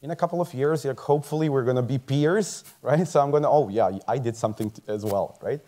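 A man's voice: medium pitch, quick pace. Earnest man on stage. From Croatia. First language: Croatian. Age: 30s. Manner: lively and earnest, chuckles often, restarts words. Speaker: medical student giving a talk. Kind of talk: motivational stage talk. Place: large dark theater stage.

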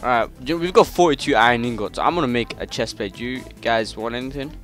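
A man's voice: medium pitch, fast talker, faint music behind. British man, chatty gaming commentary. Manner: chatty, yelps loudly when startled. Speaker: gaming channel host. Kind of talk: casual gameplay commentary.

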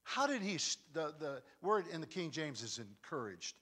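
Animated preaching man, lively pitch. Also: moderate pace, slightly rough. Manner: animated storytelling preaching, swinging from loud to hushed. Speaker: guest pastor. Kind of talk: sermon.

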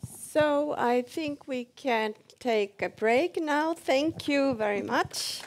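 High-voiced, unhurried woman moderator. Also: slight background noise. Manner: brief, polite prompts. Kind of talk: hosting a seminar.

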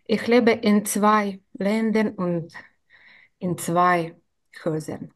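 A woman with a Ukrainian accent speaks slowly over a video call, pausing often to find her words. Her pitch sits in a middle range, and she sounds halting and careful. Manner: halting, many filler sounds, slow and deliberate. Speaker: participant introducing herself. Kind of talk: careful self-introduction in learned German. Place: indoor room.

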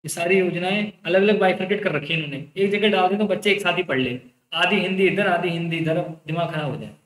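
Young male lecturer, high-pitched, chatty and reassuring, echoey room. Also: fast talker, fairly bright tone. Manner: chatty, reassuring, explains by intent. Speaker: teacher. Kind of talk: casual online lecture.

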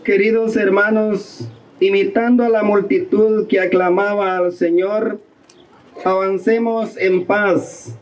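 A man, a priest reading the gospel aloud in a slow, measured way. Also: high voice, steady tone. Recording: distant from the mic.

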